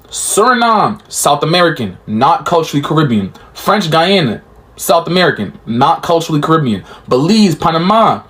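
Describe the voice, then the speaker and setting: A man hosts a reaction video in a chatty, casual way, talking straight to his viewers. His voice sits a little higher than most men's. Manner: chatty, addresses viewers as y'all. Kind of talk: casual explainer talk.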